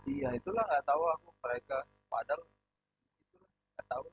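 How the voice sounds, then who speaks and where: This young podcast host from Medan, Indonesia, has a Medan accent and a big, booming voice, speaking fairly quickly with lively intonation. Chatting casually over a video call, he's loud, laughs a lot, and pokes fun at himself. The call audio is dull, lo-fi, and dry.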